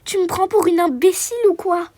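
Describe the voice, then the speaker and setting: A woman's voice: steady tone, brisk, dark tone, dry recording. A woman voicing a frightened young mother who hesitates and stammers as she speaks. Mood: angry. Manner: high-pitched, hesitant, full of fillers. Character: frightened young mother protecting her daughters.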